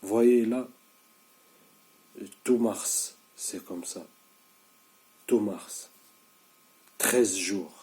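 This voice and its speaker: In a casual video monologue, a sleep-deprived thirty-something man addresses the camera insistently and repetitively, stumbling and restarting often. His fairly low, mellow voice moves very slowly, with frequent pauses.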